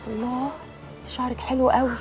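A woman's voice: sits high, flat delivery, moderate pace, music in the background, lightly acted. An actress playing a pushy, jittery woman who wants to buy a girl's hair, wheedling and prying.

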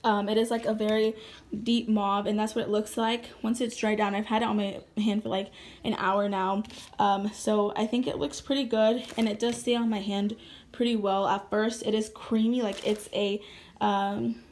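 A beauty vlogger in her twenties chats casually to viewers about a shopping haul, filmed on a phone in her home kitchen. Her medium-pitched voice is a little mellow with little pitch movement at normal speed, and she addresses viewers directly, packing her talk with fillers.

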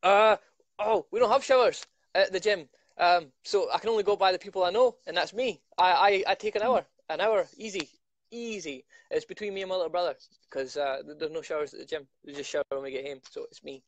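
A young man chats on a video call from home, self-mocking and quick to restart his sentences. His voice sits a bit high, and the sound is dry and close. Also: no room sound, dull audio. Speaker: MMA fighter. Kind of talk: casual video-call interview. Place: living room at home.

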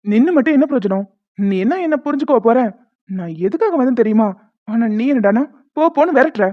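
A moody young cartoon husband, played by a woman sulks and scolds in a slightly high voice. The sound is thin and tinny, like a phone line. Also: animated, fast talker. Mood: sulky. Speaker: voice actor. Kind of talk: homemade cartoon dubbing.

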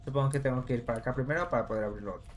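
Male gamer, relaxed let's-play chatter, mid pitch, faint hiss behind. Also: very fast. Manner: casual, talks to viewers while puzzling aloud. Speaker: gameplay commentator.

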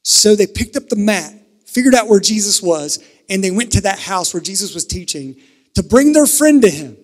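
A man from Kentucky preaching a sermon at a pulpit microphone, earnest, shifting between emphatic and hushed. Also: high-pitched, expressive, moderate pace. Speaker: pastor. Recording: reverberant sanctuary, pulpit mic.

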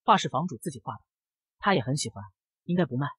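A man voicing a calm, blunt young man with a deadpan delivery, in a comic narration. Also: on the high side, fast talker, husky, no room sound, full character voice, rough recording.

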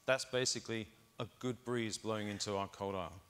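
Speaking through a lapel mic during a conference keynote, a middle-aged man guides listeners through test data one step at a time. His smooth, fairly bright voice is lowish and steady in tone, and his pace is a little fast.

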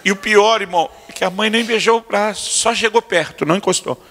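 Male pastor, a bit high and bright, animated comic storyteller in the pulpit, long church-hall reverb. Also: fairly quick. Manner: animated, acts out family scenes with comic asides. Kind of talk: humorous sermon storytelling. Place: church sanctuary.

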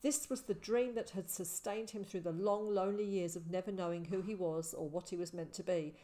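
Lady narrating an audiobook, expressive, slightly low voice. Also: fairly quick. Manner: expressive storybook reading. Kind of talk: scripted narration.

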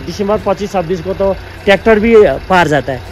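A man's voice: high voice, brisk. A man who manages a guesthouse answers interview questions outdoors, hesitant and full of filler sounds. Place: outdoors at a lakeside cottage. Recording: loud outdoor wind and ambient noise.

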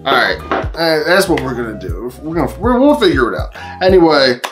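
A man's voice: on the high side, sing-song, brisk, music in the background. A man from Pennsylvania hosting a casual vlog to the camera, talking loosely with swearing, frequent laughs and mid-sentence restarts. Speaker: cannabis vlogger host. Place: indoors at home.

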